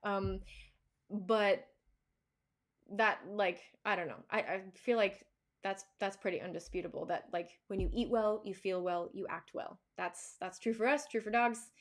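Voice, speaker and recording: A woman dog trainer answers viewer questions during a casual live chat, speaking unhurriedly in a medium-pitched voice. She talks loosely, with many fillers and restarts, and laughs easily.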